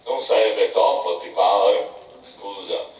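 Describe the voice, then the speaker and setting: A man voicing a gloomy, pious old ship-owning captain who mutters slowly and solemnly. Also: lowish voice, voice pushed down. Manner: slow sepulchral muttering. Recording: echoey room, mic far off.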